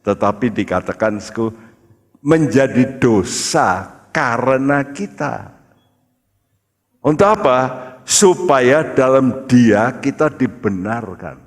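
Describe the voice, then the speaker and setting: A man preaching a sermon as pastor, speaking to the congregation in an emphatic, deliberate way. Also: medium pitch, animated. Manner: addresses the congregation as brothers, slow and emphatic. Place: church hall. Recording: church hall with long reverb.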